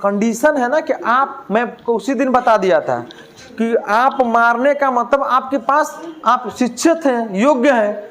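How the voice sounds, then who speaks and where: A man's voice: extremely high pitch, a little slow, fairly bright tone. Lecturer quizzing and joking with his class. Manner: asks questions and answers them himself, jokes with students. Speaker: teacher.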